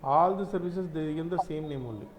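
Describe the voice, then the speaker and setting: A man's voice: fairly high pitch, background noise. Man teaching a live online class. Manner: repetitive, halting explanations. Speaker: cloud computing instructor. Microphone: computer mic on a video call.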